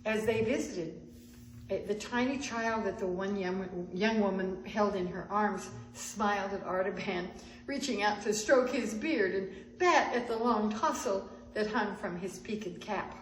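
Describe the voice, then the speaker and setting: Brief: gentle woman storyteller, mid-pitched, echoey room with faint ambience. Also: unhurried, slight background noise. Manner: gentle, expressive, with small restarts. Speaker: storyteller at a spiritual center service. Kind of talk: Christmas story narration. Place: church sanctuary.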